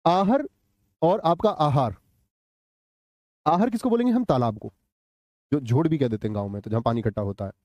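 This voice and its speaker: A man's voice: mid-range voice, sing-song, fast, dark tone, no room sound, dull audio. A man teaching a live online Hindi grammar class, asking questions, answering them himself and replying to chat comments. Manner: quizzes students, answers his own questions.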